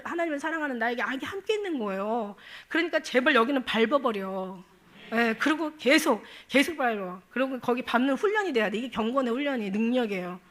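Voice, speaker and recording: A middle-aged woman pastor preaching a sermon with fervent, emphatic delivery, breaking into loud outbursts and laughing often as she speaks. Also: sits high.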